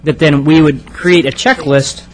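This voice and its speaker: A man's voice: a little high, fairly even intonation, moderate pace, poor audio. A man on a city commission explaining a review checklist in a meeting, with many restarts, into a table microphone. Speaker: commission member. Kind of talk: public meeting discussion.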